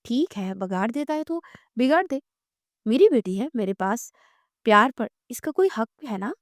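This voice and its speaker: A woman's voice: a little high, sing-song, moderate pace, dry recording, studio quality. A woman voicing a doting indulgent father. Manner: affectionate, indulgent. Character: doting middle-aged father.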